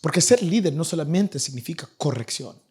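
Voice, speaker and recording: Animated young male preacher, higher voice. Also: brisk, husky. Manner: animated, acts out nagging parents in a raised voice. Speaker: pastor. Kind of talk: sermon. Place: church in Vancouver.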